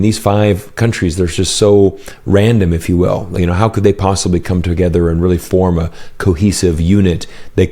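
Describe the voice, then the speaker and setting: Man, from the United States, interview guest, low voice, warm dark tone, explanatory, lots of "you know", boom mic, home office. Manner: fluent, explanatory, frequent "you know" fillers. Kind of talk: casual interview answers. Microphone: headset and boom mic.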